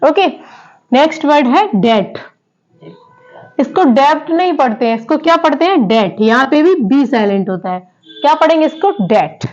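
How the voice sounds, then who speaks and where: A woman's voice: sits high, expressive, normal speed, a little mellow. A woman teaching English in a classroom style, repeating each word and quizzing her students with questions. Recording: dull lo-fi sound.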